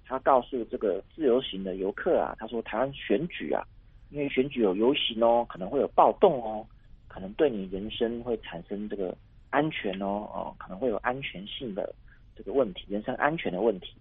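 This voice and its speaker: Male tour guide, husky and chatty, heard over a phone line. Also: lowish voice, expressive, no echo. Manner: chatty, many drawn-out particles. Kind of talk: interview clip.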